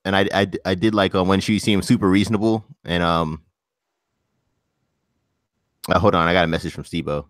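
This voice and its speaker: A man's voice: low-pitched, steady tone, normal speed, long pauses, no room sound. A young man co-hosting a casual chat on a voice call, dry and needling, laughing at his friend's claims. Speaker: co-host.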